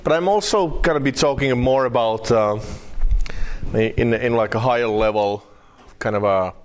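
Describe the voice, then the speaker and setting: A man from Finland with a Finnish accent, giving a technical conference talk with slides, wry and halting, with many fillers and restarts. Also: mid-range voice. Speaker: conference speaker.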